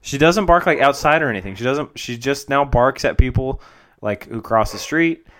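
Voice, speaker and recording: A man's voice: medium pitch, lively intonation, normal speed, fairly bright tone. A man co-hosting a podcast from home, laid-back and unbothered, giving short replies in casual chat. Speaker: podcast co-host. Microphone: home microphone.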